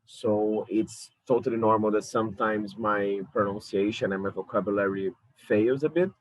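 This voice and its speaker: A Brazilian curator and lecturer in his thirties speaks English as a second language with a Brazilian Portuguese accent, giving a recorded video talk from his apartment on a camera mic. Thoughtful and self-correcting, he hesitates often. His lowish voice is steady and moderately paced, with no echo but rough recording quality.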